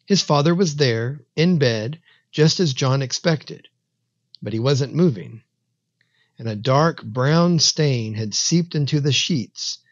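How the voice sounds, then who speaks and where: A man narrating a scripted horror story in a slow, measured, dramatic way. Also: mid-range voice, no echo, lo-fi sound.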